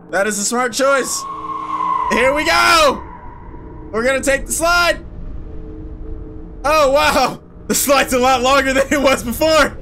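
A man's voice: very high-pitched, sharp tone, slight background noise. A young man giving playful horror game commentary as a scared streamer, nervous and mock-cheerful with exaggerated reactions. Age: young adult. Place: small indoor streaming room.

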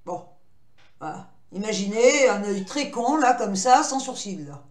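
A woman's voice: medium pitch, expressive, measured pace, a little mellow, reverberant. A woman vlogging at her computer desk at home, rambling and talkative, poking fun at herself. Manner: rambling, talkative, self-mocking. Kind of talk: casual chatty vlog monologue.

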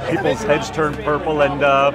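A man's voice: on the high side, completely flat delivery, moderate pace. Middle-aged man amid roaring crowd. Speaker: floor trader. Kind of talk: on-camera interview. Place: busy trading floor. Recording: loud crowd and music behind.

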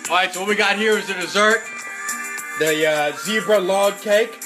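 A man's voice: sits high, moderate pace, over music, lightly acted. A young man playing a brash, profane party-boy football star who hosts a spoof cooking show, filmed on a phone in an apartment kitchen. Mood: casual. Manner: cocky, loose and profane. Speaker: comedy cooking host. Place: apartment kitchen and living room. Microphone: phone camera held close.

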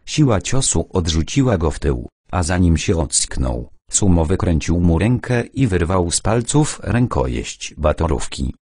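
A man's voice: sits low, sing-song, a little slow, few pauses, warm tone, breathy edge, dry recording. A man reading a novel aloud as an audiobook narrator, voicing the dialogue only by dropping his voice a little.

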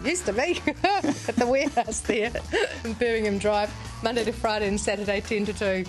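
A woman's voice: fairly high pitch, brisk, soft background music, poor audio. A woman with a broad New Zealand accent hosting a shopping show in a chatty, playful style, full of exclamations and banter. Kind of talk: chatty advertorial presenting.

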